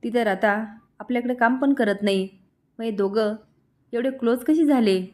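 A woman's voice: fairly high pitch, normal speed, a little mellow, close to an everyday voice. A woman voicing a spoiled, scheming young woman who scolds and taunts. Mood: pleading.

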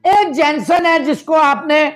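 Over a rough-sounding video call, a man from Pakistan offers forceful cricket commentary in a very high-pitched, fairly bright voice, talking a little slowly. He leans on repeated words for emphasis and works English phrases into his debating.

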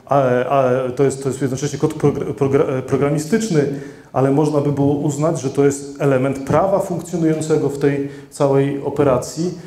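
A man's voice: medium pitch, fairly even intonation, normal speed, dark tone. A middle-aged man giving a conference talk into a handheld microphone, hesitant with many fillers and restarts as he addresses the audience. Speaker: conference speaker. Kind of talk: conference presentation. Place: conference hall with seated audience. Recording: roomy hall echo.

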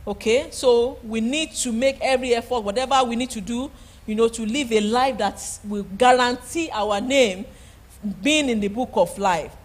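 A woman's voice: a little high, normal speed. A middle-aged woman pastor preaching a sermon from a church pulpit, emphatic, repeating key words and calling out praise. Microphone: handheld microphone.

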